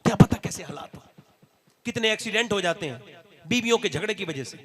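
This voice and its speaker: A man's voice: sits high, lively intonation, brisk. A man preaching an Islamic sermon, telling stories with passion, calling on the audience to respond. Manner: impassioned, shouting to a crowd at climaxes; drops to soft, hushed storytelling.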